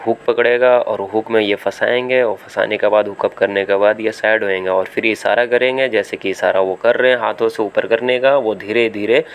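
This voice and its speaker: Gravelly Hindi-accented man narrating at sea. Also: fairly low pitch, fairly even intonation, fairly quick, hardly any pauses, a little hiss or hum. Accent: Indian Hindi. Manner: thinks aloud with restarts and fillers. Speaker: seafarer vlogger. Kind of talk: casual commentary over phone footage. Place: outdoors on a small vessel at sea. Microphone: phone camera.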